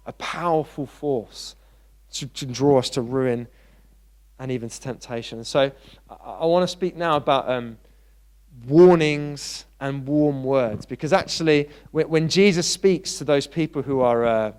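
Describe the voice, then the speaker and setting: A man preaching a sermon in a church. He talks in a conversational way and gets animated when he tells stories. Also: mid-range voice, unhurried. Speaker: pastor.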